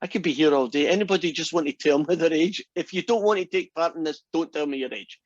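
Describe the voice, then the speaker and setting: A man in his sixties talks quickly in a voice on the high side while teaching math online. Chatty and friendly, he keeps checking in by asking "right?" The audio, captured on a computer mic during a video call, is dry, dull and lo-fi, with no echo.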